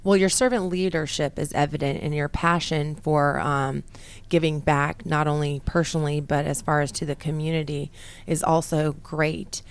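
A woman conducting a conversational interview. Her voice is pitched low for a woman. She asks questions and offers short affirmations to the person she is speaking with. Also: steady tone, moderate pace, clean tone.

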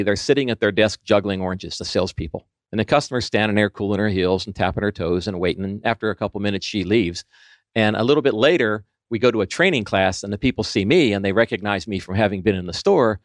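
A man's voice: fairly low pitch, no echo. A middle-aged man who works as a training consultant, telling workplace stories in a conversational interview.

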